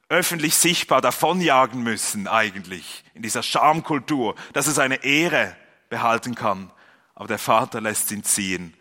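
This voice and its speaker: Bright-voiced male preacher in a reverberant hall. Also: mid-range voice. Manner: reads scripture aloud and retells a parable calmly. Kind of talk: sermon. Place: church.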